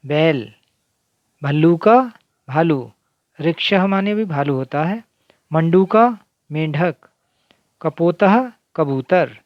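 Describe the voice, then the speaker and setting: A man teaching a school Sanskrit lesson, slowly spelling words out syllable by syllable. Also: a little high, no room sound, muffled recording. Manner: slow, carefully spelling out syllables. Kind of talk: recorded lesson.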